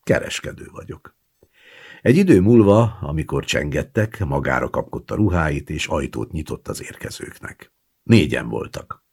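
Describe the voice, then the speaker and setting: Man reading a short story, super low husky voice, swings up and down a lot. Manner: expressive, dramatic reading with hushed asides. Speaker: audiobook narrator. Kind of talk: literary audiobook narration.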